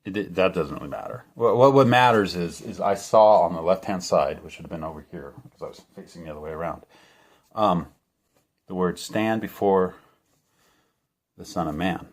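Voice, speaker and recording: A man's voice: low-pitched, moderate pace. A middle-aged man telling the story of a dream in a rambling, earnest way, full of restarts and fillers. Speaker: channel host. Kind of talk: personal testimony to camera.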